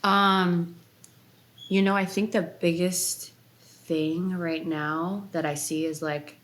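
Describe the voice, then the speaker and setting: A woman's voice: fairly low pitch, steady tone, slow. A woman in her thirties, a dancer guest on a casual podcast, talking in a rambling way full of "like" fillers. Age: 30s. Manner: chatty, rambling with many "like" fillers. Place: Los Angeles.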